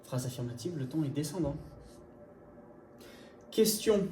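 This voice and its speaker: A man teaching English pronunciation in an online video lesson, speaking in a lively, informal way to the viewer and demonstrating English phrases. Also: a little high, unhurried. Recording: echoey room, faint background noise.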